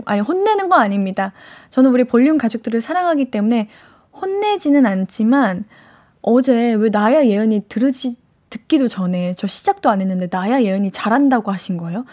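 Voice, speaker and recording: Woman radio DJ, fairly high voice, playful and teasing, cute baby-talk, studio mic. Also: warm tone. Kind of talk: live radio chat reading listener messages. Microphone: studio microphone.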